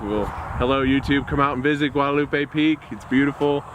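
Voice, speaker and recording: A man's voice: mid-range voice, flat delivery, brisk, highs cut off. A man from El Paso, rambling and chatty with many fillers, talking outdoors by a park sign. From El Paso, Texas. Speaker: guest met on the road. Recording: outdoor noise behind.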